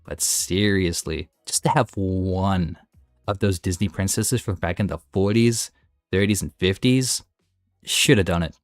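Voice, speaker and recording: Male gaming host, lowish voice, dry close sound, chatty and enthusiastic ranking commentary. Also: a little slow, dry recording, soft background music. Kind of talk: casual tier-list commentary.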